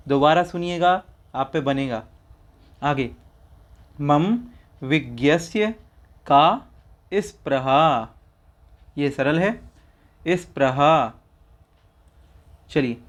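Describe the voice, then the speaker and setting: A man teaching the recitation of a Sanskrit verse, breaking each word into syllables and repeating it patiently for listeners to say along. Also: a little high. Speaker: teacher of a Jain scripture. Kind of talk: slow syllable-by-syllable recitation lesson.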